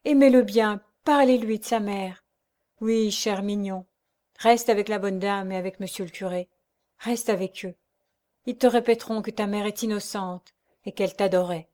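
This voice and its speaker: A woman's voice: mid-range voice, steady tone, normal speed, dark tone, lightly acted. A woman voicing a young mother wrongly arrested, speaking with impassioned, pleading fervor. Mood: despairing.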